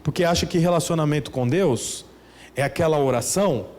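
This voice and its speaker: A man from Brazil preaching a church sermon as pastor, dropping into hushed mock prayers and rising as he drives his points home. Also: a little fast. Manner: acts out mock prayers in a hushed, pleading voice, then rises in pitch to preach.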